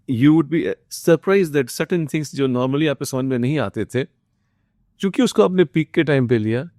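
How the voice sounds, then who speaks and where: An Indian man teaching exam students, mixing English phrases into Hindi with frequent filler pauses. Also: mid-range voice, dark tone, dry recording, clean studio sound. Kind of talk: motivational study lecture.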